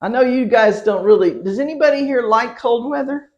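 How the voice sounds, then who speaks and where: Her voice sits on the high side with a darkish tone, and she talks fairly quickly; the recording sounds muffled. She's a citizenship class teacher running a pronunciation lesson, patiently repeating words for learners and laughing lightly as she moves between points.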